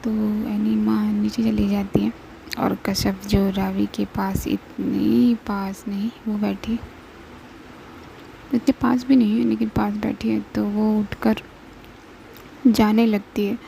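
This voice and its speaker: A woman narrating a romance story in a soft-spoken way, often half whispered. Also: medium pitch, flat delivery, takes it slowly, vocal fry, slight background noise, low-quality recording.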